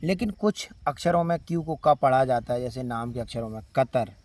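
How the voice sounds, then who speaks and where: This phonics lesson features a mid-range, darkish male voice with an Indian Hindi accent, captured in a dry recording. He works through English letter sounds slowly and deliberately, drawing out each example word in turn.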